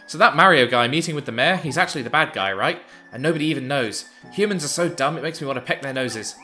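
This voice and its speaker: A man's voice: medium pitch, animated, quick pace, bright, forceful tone, soft background music. A man reading the lines of a sly, gossiping crow from a video game, in a conspiratorial tone.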